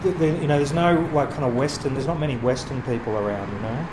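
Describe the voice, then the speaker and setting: A man, a street photographer, telling a story to camera in a halting, rambling way, full of restarts and fillers. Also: mid-range voice. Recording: street noise and traffic behind.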